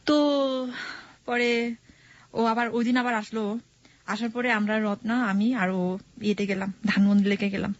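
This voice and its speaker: A woman's voice: medium pitch, level tone, normal speed, pauses often, dry recording. Young woman caller, Dhaka Bengali accent, rambling and repetitive, radio call-in sound, muffled and dry. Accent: Bangladeshi Bengali, Dhaka area. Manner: rambling, repeats phrases, acts out quoted dialogue. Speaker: caller telling her life story. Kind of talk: casual personal storytelling on radio. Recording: dull lo-fi radio broadcast audio.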